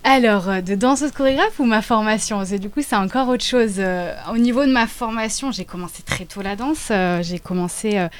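A woman in her twenties, a dancer and choreographer, talks about her work in a casual interview, halting often as she searches for words. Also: mid-range voice, clean tone. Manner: halting, with many hesitations.

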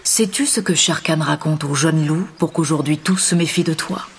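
A man voicing a wise, protective panther who counsels softly, often half-whispered. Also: a little high, moderate pace, slight background noise, natural voice. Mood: gentle.

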